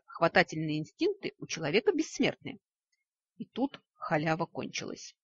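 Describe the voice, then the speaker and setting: A woman's voice: fairly low pitch, a bit bright, breathy edge, no echo. A woman narrating a fantasy story in the first person with a wry, ironic manner. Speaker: audiobook narrator. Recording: dull lo-fi recording.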